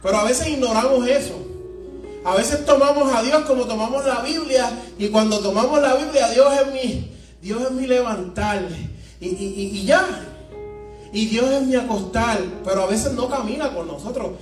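A male pastor, preaching an animated, emphatic sermon full of stories. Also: very high voice, moderate pace. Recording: echoey room, mic at a distance, music behind.

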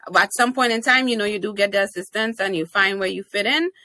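A confident, playful young woman from Trinidad and Tobago, a TV host and speaker, guests on a podcast and laughs often during the casual interview. Her Trinidadian-accented voice is mid-range, quick, and sharp, recorded with no echo.

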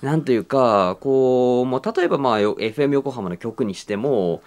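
A man's voice: medium pitch, moderate pace, a little mellow. A young man, new on a radio show, who grew up between the UK and Japan, talking politely and modestly with some laughter. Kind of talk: casual studio chat.

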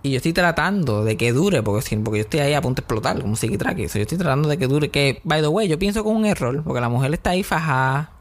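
Animated Puerto Rican man telling stories. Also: on the high side, rapid-fire, hardly any pauses. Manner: animated, mixes in English words, acts out scenes. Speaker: podcast host. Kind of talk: casual comedic storytelling.

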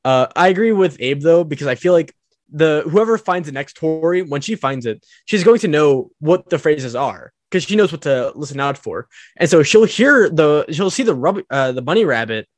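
A man co-hosts a casual podcast in a slightly high voice. He tells stories and acts out what people said, filling gaps with "uh", recorded dry and close. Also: lively intonation, moderate pace, dry recording. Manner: storytelling, acts out quotes, with filler "uh"s. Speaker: podcast co-host.

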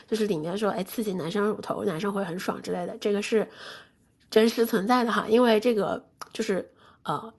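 A woman with a hoarse, gravelly voice and a blocked nose from a cold, explaining things conversationally as the presenter of a casual lesson. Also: mid-range voice. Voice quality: husky, gravelly. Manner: conversational, explanatory, checks in with listeners. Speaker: sex education presenter.

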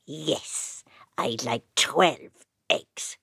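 A woman voicing a sly, ancient male fairy changeling in a storybook tale, speaking slowly and low with a puzzled, questioning manner. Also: creaky, pushed and bright, husky, no echo, clean studio sound, exaggerated voice. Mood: greedy.

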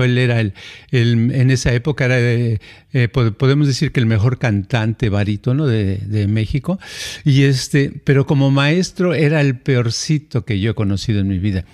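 A middle-aged man with a Mexican accent, a podcast co-host telling stories in a casual, animated way and acting out the voices he quotes. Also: medium pitch. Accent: Mexican Spanish. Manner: animated, acts out quoted voices, frequent fillers. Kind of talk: casual conversational storytelling.

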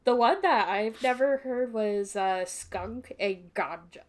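A woman's voice: mid-range voice, slow pace. A woman guest on a book podcast, dropping dry, matter-of-fact remarks. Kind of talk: casual book club chat.

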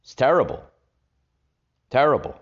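A man's voice: medium pitch, animated, normal speed. A man hosting a political podcast, ranting with stumbling restarts, recorded with a makeshift setup in a rented vacation home with echo. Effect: echoey room sound. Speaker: podcast host. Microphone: makeshift home setup without his usual equipment. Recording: dull lo-fi, echoey room.

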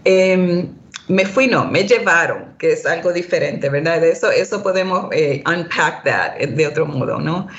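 Panelist, mid pitch, hesitant, many fillers, dull lo-fi sound. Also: lively intonation, normal speed, fairly bright tone. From Puerto Rico and United States. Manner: hesitant, frequent "¿verdad?" and fillers. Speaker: scholar on a panel. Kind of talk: academic panel discussion.

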